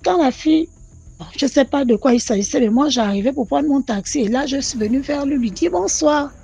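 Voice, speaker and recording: A woman telling her own mystical experience in an animated, repetitive way, speaking directly to the channel. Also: sits high, fairly quick, vocal fry. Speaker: caller sharing a personal story. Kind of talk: personal testimony storytelling.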